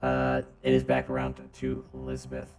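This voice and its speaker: A man running a tabletop game as game master, his voice passed through a robot voice filter, explaining rules in a relaxed, teasing way. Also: extremely low pitch, moderate pace.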